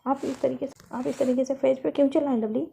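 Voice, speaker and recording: A woman's voice: high-pitched, fairly even intonation, fast, creaky, dark tone, slight background noise. A woman voicing a worried mother who scolds her daughter with pleading questions, in a read-aloud story. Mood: reproachful. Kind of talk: storybook reading.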